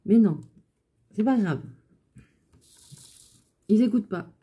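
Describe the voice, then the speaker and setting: Dark husky woman venting casually. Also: medium pitch, lively intonation, slow. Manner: venting, exasperated storytelling. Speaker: clothing alterations shop owner. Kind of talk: casual chatty vlog.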